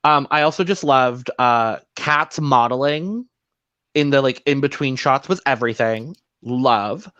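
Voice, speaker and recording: A man's voice: mid-range voice, unhurried, sharp tone, smooth, dry recording, lo-fi sound. A man co-hosting a casual podcast, recapping a show and slipping into playful voices for quotes. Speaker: podcast co-host.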